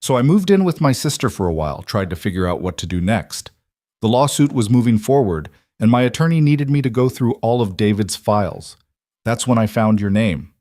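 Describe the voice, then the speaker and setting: A man voicing a weary, grieving young widow in a storybook reading, in his own low, dry voice. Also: lively intonation, fairly quick, mellow, no echo, close to an everyday voice. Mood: confessing. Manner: tired, pleading.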